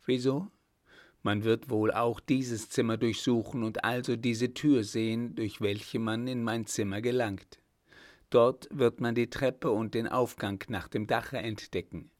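A man's voice: mid-range voice, fairly even intonation, a little slow, no room sound, studio quality, natural voice. A man reading an audiobook voices an earnest young hussar lieutenant in a near-normal voice. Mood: grave.

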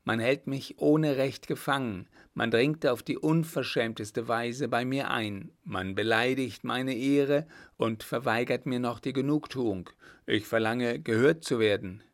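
A man's voice: medium pitch, unhurried, lightly acted. A man reading aloud, voicing a proud, hot-tempered young nobleman who talks indignantly and demands satisfaction. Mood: demanding.

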